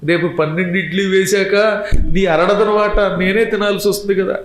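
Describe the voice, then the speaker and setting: A man's voice: high-pitched, fairly even intonation, normal speed, roomy sound, a little hiss or hum, close to an everyday voice. A man voicing a grieving wife who laments her dying husband in a raised, wailing voice during a devotional discourse. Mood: lamenting. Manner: wailing, pleading.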